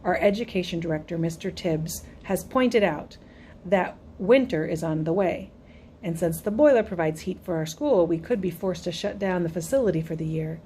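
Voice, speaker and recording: A woman voicing a weary middle-aged father who leads a church board meeting, speaking in a measured, businesslike way. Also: lowish voice, warm tone, slight background noise, close to an everyday voice.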